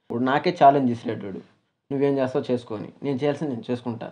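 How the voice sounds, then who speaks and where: A man's voice: medium pitch, racing, dark tone. A man hosting, talking firmly like an older brother, scolding and consoling. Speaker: host. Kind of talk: casual chat.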